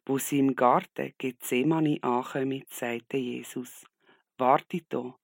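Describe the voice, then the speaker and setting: A man telling a Bible story to children in a calm way. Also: medium pitch, unhurried, gravelly, no room sound, clean studio sound.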